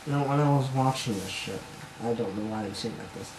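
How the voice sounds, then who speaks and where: This amateur reader, a man with a lowish voice, reads fan fiction aloud for comic drama at a quick pace, rambling and stumbling self-consciously. He records on a camera mic at home in his bedroom, where the room echoes and background noise creeps in.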